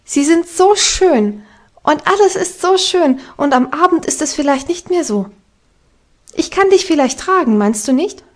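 A woman reading an audiobook voices a lively, strong-willed little Alpine girl, eager and commanding. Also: sits high, normal speed. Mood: excited.

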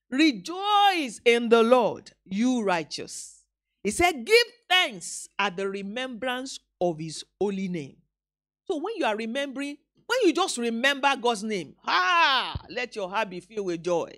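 A woman preacher, delivering an animated live sermon in a church, acting out quotes and bantering with the congregation. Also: fairly high pitch. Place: church hall.

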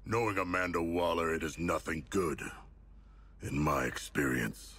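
Deep, gravelly, polite shark-man. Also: measured pace, a bit bright, heavily acted. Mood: matter-of-fact. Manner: formal, earnest, literal-minded. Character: huge, polite, anxious male humanoid shark prisoner. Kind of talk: video game cutscene acting.

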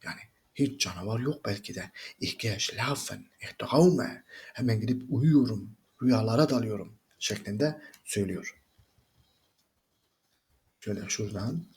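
A German teacher reads aloud from a German reader, going slowly through each line and then translating it in brisk, conversational asides. His voice is on the low side, expressive and darkish.

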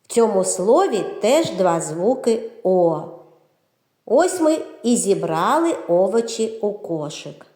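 Slow, lively woman teaching kids. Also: mid-range voice. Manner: slow, clear, drawn-out teacher's delivery. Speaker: teacher and narrator. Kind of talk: children's phonics lesson narration. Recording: roomy echo.

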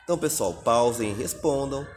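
Brazilian guy going over test answers one by one, steady middle voice, faint music behind. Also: mid-range voice, fairly quick. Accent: Brazilian Portuguese. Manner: methodical, reads answer options aloud and explains each. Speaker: exam prep teacher. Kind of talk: recorded video lesson.

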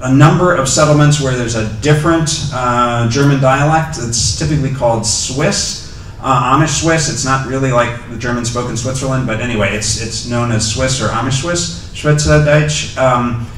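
Handheld mic in hand at a lecture-hall podium, a middle-aged male guest lecturer responds to audience questions uncertainly, stumbling through ums and restarts. His medium-pitched voice is a bit bright and moves at a moderate pace. Expect distant, echoey hall audio with a little hiss or hum.

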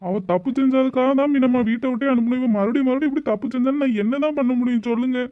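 Brief: a wronged young husband in a cartoon, high-pitched and rapid, complaining. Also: male voice, no echo, phone-quality sound. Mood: aggrieved. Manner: complaining, aggrieved, rhetorical questions. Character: exasperated young husband, wronged and self-pitying.

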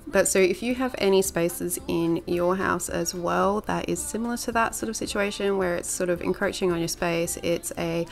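A woman with a low, gravelly voice talks through her cleaning routine in a relaxed, rambling voice-over, full of little fillers. Soft music plays faintly underneath. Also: moderate pace, hardly any pauses. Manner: chatty and rambling, with filler words. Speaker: home cleaning vlogger. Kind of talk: casual voice-over narration.

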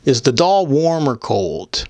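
A man's voice: mid-range voice, sing-song, slow pace, darkish tone. A young man talking into a handheld mic in a small room as he answers viewer comments. His talk is blunt, crude and rambling, and he mocks as he goes. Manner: blunt, profane, rambling and mocking. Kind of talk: casual, crude monologue. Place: small indoor room with photo-covered wall. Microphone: handheld microphone held close.

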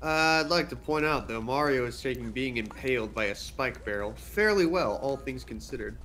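A man's voice: medium pitch, expressive, normal speed, a bit bright. A man chatting casually as co-commentator over gameplay, offhand and wry. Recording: game music behind. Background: video game music.

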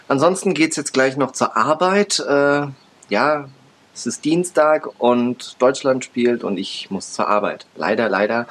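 Locker plaudernder Mann in den Dreißigern. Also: male voice, medium pitch, a little hiss or hum. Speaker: vlogger. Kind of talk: casual rambling vlog chat to camera. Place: furnished attic room at home.

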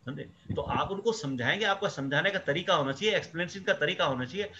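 A man's voice: a little high, fast talker, sharp tone. A male microbiology professor explaining at length in an interview, emphatic and mixing in English phrases. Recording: dull lo-fi sound.

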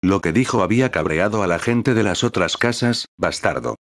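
Deep-voiced male audiobook narrator. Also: a little fast, no echo, clean studio sound.

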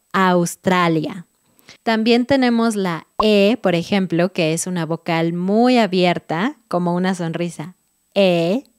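A young woman with a Mexican Spanish accent leads a pronunciation lesson at an unhurried pace, drawing each vowel out long and broad. Her voice sits in a middle pitch, recorded close and dry. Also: no room sound. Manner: exaggerated vowel drilling. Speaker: Spanish teacher.

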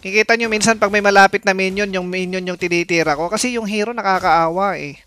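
Guy streaming a mobile game, hyped commentary, yelling out and taunting the other team. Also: high voice, fast. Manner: excitable, with sudden exclamations and playful taunts at opponents. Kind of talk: live gameplay commentary.

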